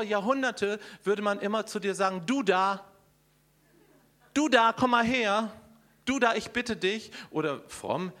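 A middle-aged man preaching a sermon, talking straight to his congregation with questions and swinging from loud emphasis to hushed quiet. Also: sits high. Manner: addresses the congregation directly with questions.

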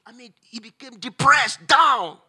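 A man preaching a sermon in short phrases for an interpreter, acting out voices and sometimes shouting for effect. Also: extremely high pitch, unhurried, husky. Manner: animated, acts out voices, shouts for effect, laughs.

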